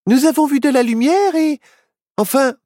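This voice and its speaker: Woman doing a squeaky, excitable little witch girl. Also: normal speed, dry recording, studio quality, lightly acted. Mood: pleading. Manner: excited, exclamatory.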